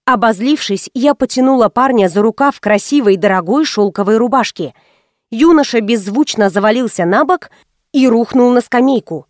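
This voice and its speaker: A woman narrating an audiobook in the first person, wry and expressive. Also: a little high, normal speed, dry recording, studio quality.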